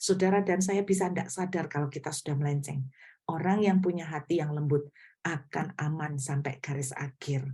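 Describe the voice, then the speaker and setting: A woman's voice: deep voice, fairly even intonation, normal speed, darkish tone, breathy edge. A middle-aged woman pastor giving a conversational sermon, often asking the congregation questions.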